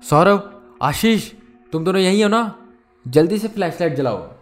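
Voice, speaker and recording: A man's voice: mid-range voice, expressive, a little slow, a little mellow, faint music behind. Casting: a man as a scared young guy in a horror audio story, urgent and fearful. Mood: urgent shouting.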